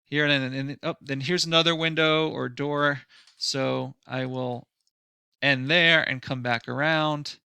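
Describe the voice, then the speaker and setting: Gravelly, bright-voiced man teaching software. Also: medium pitch, fairly even intonation, measured pace, no echo. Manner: thinks aloud while working, loose and conversational, with frequent fillers and restarts; mildly sarcastic at times. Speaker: design instructor. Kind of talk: screen-recorded software tutorial.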